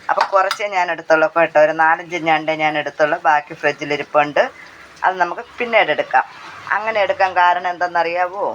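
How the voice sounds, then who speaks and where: Hoarse Kerala woman, casual cooking vlogger, phone-held mic, faint sizzle under. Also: low voice, a bit bright, a little hiss or hum, rough recording. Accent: Kerala Malayalam. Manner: chatty, repeats phrases, tag questions. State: hoarse from talking. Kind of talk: casual chat while cooking. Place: home kitchen. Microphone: handheld phone. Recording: faint frying sounds behind.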